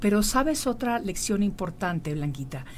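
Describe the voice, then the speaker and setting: Middle-aged lady hosting, earnest and reflective, soft hiss behind. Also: mid-range voice, very animated, a little slow. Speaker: host. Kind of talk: emotional interview conversation.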